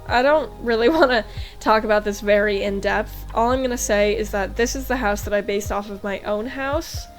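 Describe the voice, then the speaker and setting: A woman's voice: mid-range voice, moderate pace, soft background music. A young American woman chatting casually in a voice-over about her game build, talking in a loose, rambling way full of fillers. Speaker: game vlogger.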